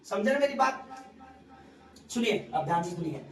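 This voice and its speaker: A man preaching with an emphatic, high voice, drawing replies from his listeners. He sounds set back from the mic in an echoey hall. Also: animated, normal speed. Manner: emphatic, calls for responses from the congregation. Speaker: pastor. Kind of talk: sermon. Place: prayer meeting hall. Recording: echoey room, voice from far off.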